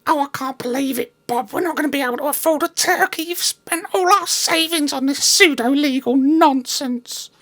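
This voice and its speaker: A man voicing a frantic Victorian clerk's wife in a comedy sketch, shrill and rushed. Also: a bit bright. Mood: despairing.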